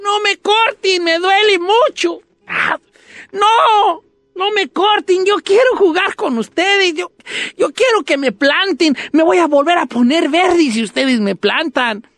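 A woman's voice: high voice, expressive, unhurried, a bit bright, no echo, clean studio sound, voice pushed up, full character voice. A woman voicing a small, frightened male Christmas tree that begs and cries out in pain. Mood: crying in pain. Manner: whimpering, begging, cries out in pain.

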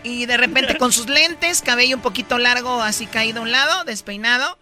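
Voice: mid-range voice, fairly quick, music in the background. A radio co-host in casual, teasing banter with the other hosts. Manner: teasing, chatty, lets out bursts of laughter.

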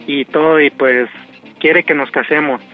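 A man's voice: on the high side, fairly even intonation, unhurried, phone-quality sound, soft background music. A man in his thirties with a Mexican accent, chatting casually and a bit hesitantly as a caller to a radio show. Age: 30s. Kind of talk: casual phone chat.

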